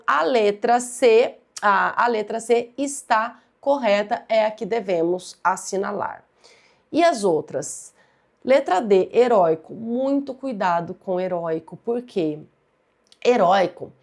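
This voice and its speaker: A woman's voice: medium pitch, gravelly. A Brazilian woman teaching an exam-prep grammar lesson, stressing and repeating key words as she explains each answer. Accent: Brazilian Portuguese.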